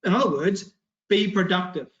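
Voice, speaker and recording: A man's voice: sits high, normal speed, fairly bright tone. A man delivers a Bible study in a slightly raised register. His delivery is emphatic, built on rhetorical questions and firm answers. The recording sounds dull and lo-fi.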